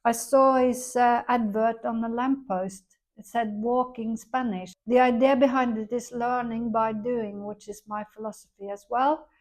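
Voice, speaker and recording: A woman's voice: on the high side, steady tone, measured pace, low-quality recording. Older woman co-hosting a podcast. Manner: chatty, self-mocking, laughs easily. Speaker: podcast co-host. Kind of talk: casual podcast chat.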